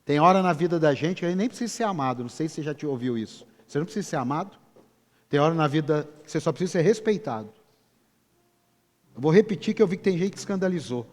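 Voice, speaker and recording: A man's voice: on the high side, expressive, quick pace. A man with a Brazilian Portuguese accent preaching a sermon, emphatic and firing rhetorical questions at his congregation. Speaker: pastor. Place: large church hall. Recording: reverberant church hall with soft music.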